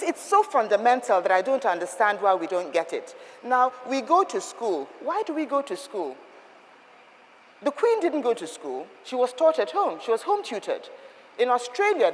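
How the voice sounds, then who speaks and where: A woman's voice: medium pitch, slight background noise. A woman giving a firm, instructive talk on etiquette to a group, asking rhetorical questions. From Nigeria. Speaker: etiquette trainer. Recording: long reverb of a hall.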